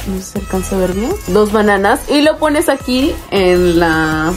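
A young woman chatting casually as she unboxes toys, excitable, often squealing over cute little figures. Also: medium pitch, moderate pace, faint music behind. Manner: chatty, uses many diminutives. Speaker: toy collector vlogger.

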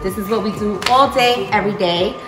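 A woman's voice: mid-range voice, brisk, recorded from a distance, music in the background. Woman presenting in an echoey empty-warehouse space. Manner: enthusiastic, presenting on her feet while walking. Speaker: business owner giving a tour. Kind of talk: informal walk-through video tour narration. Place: large indoor warehouse and open office. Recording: echoey warehouse, voice away from mic.

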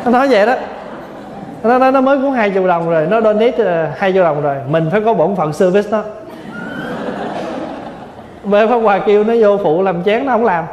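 A Vietnam-born man in his forties, a Buddhist monk, gives a folksy, joking dharma talk with a fairly high voice. The sound comes from a large, echoing hall with a long reverb tail. The recording is dull and a little muffled. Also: a little mellow, a little hiss or hum. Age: 40s. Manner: folksy and humorous, mixing in English words.

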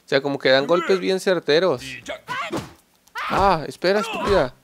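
A young man commentating a fighting game, excitable and joking, cursing at his rivals. His voice sits a bit high with a gravelly, creaky edge. The recording is noisy, with clicks in the background. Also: a little slow. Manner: excitable, joking, swears at opponents. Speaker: gameplay channel host. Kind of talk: gameplay commentary.

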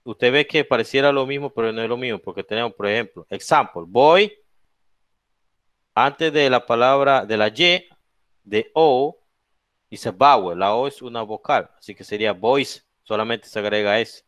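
A man with a Latin American Spanish accent teaches English grammar in a bilingual classroom lesson, going over each rule in English and then in Spanish and often asking "okay?" to check understanding. He spells letters and example words slowly, drawing them out. His mid-range voice is a bit bright and smooth, with no room sound.

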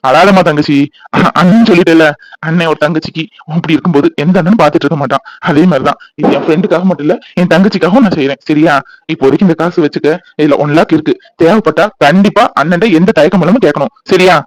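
A kind, protective cartoon friend , voiced by a man, soothing and reassuring like a big brother. His voice sits a little high and moves quickly, in speech. The recording is dry and close. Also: dry recording, natural voice, poor audio. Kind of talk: cartoon voice acting.

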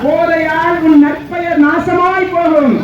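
A man's voice blares through a megaphone somewhere down the street, very high and strained as he shouts slogan after slogan in a flat, slow, repetitive chant. The sound is distant, booming and lo-fi, and a loud crowd and traffic noise press in around him. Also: very echoey. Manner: shouted call-and-response chanting. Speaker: rally slogan leader. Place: outdoor street march.

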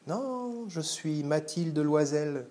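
A man reading aloud the lines of a proud, worn-down poor Parisian woman in a classic short story, in a quiet, plain voice. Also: a little high, expressive, slow, voice pushed up. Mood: confessing.

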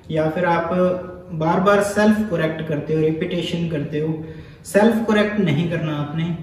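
A man's voice: sits high, a little mellow, recorded from a distance, slight background noise. A man coaching students for a speaking test, direct and familiar, repeating key words for emphasis. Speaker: IELTS speaking teacher. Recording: echoey room, voice from away from the mic.

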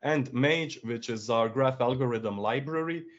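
A man's voice: medium pitch, a little slow. A young man with a Croatian accent, explaining technical topics on a video call with many uh fillers. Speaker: developer relations engineer. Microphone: headset on video call. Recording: dull lo-fi call audio.

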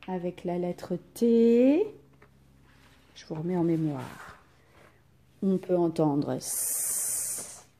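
Teacher, female, recorded home lesson for children: slow, mellow, slightly husky delivery, sounds drawn out. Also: mid-range voice. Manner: slow, clearly articulated, stretches out sounds. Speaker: primary school teacher. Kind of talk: recorded reading lesson for young pupils.

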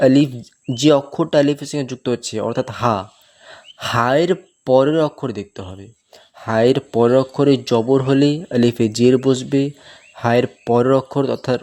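A man with a Bengali accent teaching recitation, explaining patiently and then sounding out words very slowly to show how they should be pronounced. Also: mid-range voice, a little mellow. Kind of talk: tajweed lesson with slow demonstrations.

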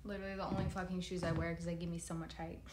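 A woman in her twenties hosts a casual livestream, replying to comments in a relaxed, chatty way and swearing often. Her voice sits on the low side with little pitch movement and a racing pace. She's recorded on a phone held at arm's length in a large, plain indoor room, so the sound is roomy with a noisy background.

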